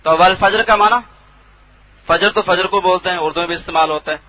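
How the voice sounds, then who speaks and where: A man teaching a classroom lesson on Quran translation, quizzing his students and repeating each word slowly. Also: high-pitched, sharp tone, highs cut off. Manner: drills students with questions and repeats words slowly. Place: classroom without a board.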